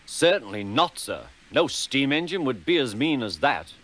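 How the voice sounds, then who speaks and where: A man voicing a proud, polite male steam engine who speaks gravely in a storybook reading. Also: mid-range voice, big pitch swings, moderate pace, a bit bright, a little hiss or hum, pitched above the performer's own voice.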